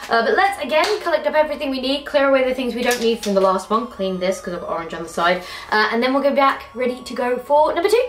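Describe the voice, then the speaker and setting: Talking fast with few pauses, a young British woman with an animated, fairly high voice hosts a casual cooking vlog from her kitchen. Her chatter is rambling and self-mocking as she laughs off her mistakes, against echoey acoustics and faint background music.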